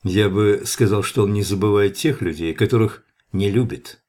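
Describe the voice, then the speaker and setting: A man's voice: on the low side, moderate pace, darkish tone, lightly acted. A man reading as a wry young scientist. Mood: argumentative. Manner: ironic, argumentative. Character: earnest young male scientist, sharp-tongued and stubborn.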